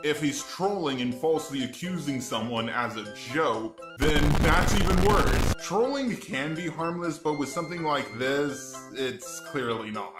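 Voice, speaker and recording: A man's voice: on the high side, expressive, a little slow, hardly any pauses, voice pushed down. Give me a man using a metallic robot voice with an echo, over background music. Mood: exasperated. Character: male robot persona of the channel host. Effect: metallic robot voice filter. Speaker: YouTube commentator. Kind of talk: drama commentary recap.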